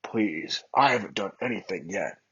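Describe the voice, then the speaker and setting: A man's voice: lowish voice, animated, normal speed, a bit bright, husky, lo-fi sound, exaggerated voice. A man playing cocky Bakugo, smug and teasing. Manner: smug, mock-seductive.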